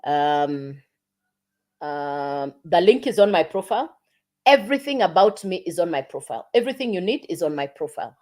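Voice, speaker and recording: A woman with a lowish, slightly mellow, sing-song voice pitches an online business in a casual livestream at a moderate pace. She addresses viewers head-on and coaxes them through repetition.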